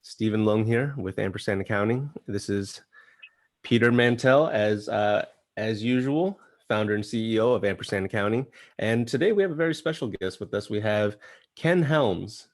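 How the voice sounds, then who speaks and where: A man's voice: fairly low pitch, moderate pace. A man co-hosting a business podcast, reading a guest's long biography with many fillers. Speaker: podcast co-host introducing a guest.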